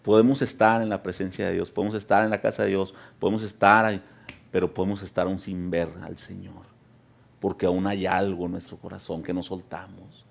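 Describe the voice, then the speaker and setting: Male pastor, low gravelly voice, sermon delivery that climbs into fervent peaks. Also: flat delivery, a little fast. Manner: builds to loud, high, impassioned preaching, addressing "hermanos". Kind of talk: Spanish sermon.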